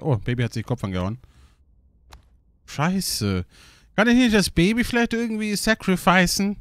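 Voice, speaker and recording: A young man giving casual, excitable gaming commentary, swearing and laughing often as he plays. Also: medium pitch, no echo. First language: German. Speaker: let's play gamer.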